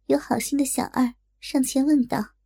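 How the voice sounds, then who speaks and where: Brief: woman narrator, high and slow, gravelly edge, dark tone, dry close sound. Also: steady tone, dry recording. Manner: slow, deliberate storytelling. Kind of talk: scripted story narration.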